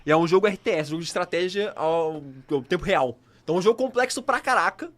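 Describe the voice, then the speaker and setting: A young man from Brazil, a podcast co-host telling animated stories with laughter in casual chat. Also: high voice, fast talker. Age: young adult.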